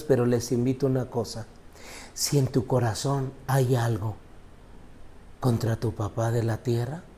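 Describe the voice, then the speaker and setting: Middle-aged male priest, dark mellow tone, vivid storyteller who swings loud and soft. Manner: storytelling, dramatic swings in pitch and loudness. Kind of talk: homily reflection with personal story.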